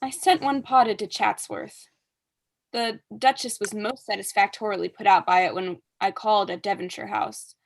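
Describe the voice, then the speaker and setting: A young woman with a mid-range voice, fairly even intonation and vocal fry speaks at normal speed in a staged reading of a period comedy. She plays a haughty, witty aristocratic mother, delivering lines in a pompous, arch, declamatory, imperious way.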